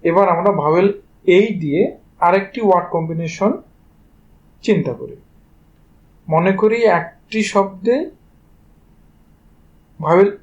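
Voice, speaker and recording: A man's voice: high-pitched, a little mellow, dull audio. A man with a Bangladeshi Bengali accent teaching English pronunciation, spelling each word out letter by letter and speaking informally to his students. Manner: spells words letter by letter before saying them; addresses students directly and informally. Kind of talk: spelling-based pronunciation lesson.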